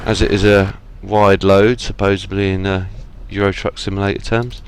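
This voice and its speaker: Playing a trucking game at home, a man who hosts a gaming channel offers loose let's-play commentary full of rambling, apologies and self-deprecating remarks. The voice sits low and smooth, with little pitch movement, at a normal speed.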